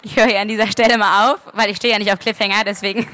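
A woman author reading her novel aloud at a book fair, lively and expressive. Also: mid-range voice, quick pace.

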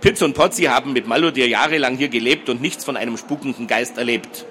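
A man reading a fantasy story and voicing a calm, sensible teenage girl who speaks softly. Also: mid-range voice, fast talker, slight background noise, lightly acted. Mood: calm hushed. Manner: soft, calm, reassuring. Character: calm, level-headed teenage girl, twin sister.

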